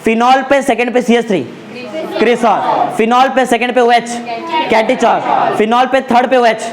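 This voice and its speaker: A man with a fairly high voice teaches a classroom lecture. He keeps stopping to quiz his students with quick check-in questions and slowly repeats each key name so it sticks. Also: fairly even intonation, crowd noise. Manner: repeats names slowly for emphasis. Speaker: chemistry tutor.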